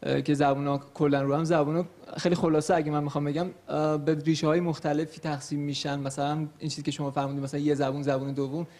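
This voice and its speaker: A young man with a slightly high voice chats as a TV guest. He explains things with homely examples and pauses often with fillers, casual and unhurried. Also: little pitch movement, darkish tone. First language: Persian. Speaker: guest, multilingual tour guide. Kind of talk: casual studio chat.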